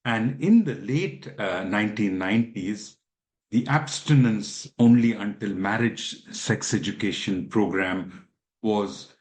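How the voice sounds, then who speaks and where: Measured man with a low voice. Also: darkish tone. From India. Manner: measured, explanatory, with many fillers. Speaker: expert guest. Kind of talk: podcast interview answers.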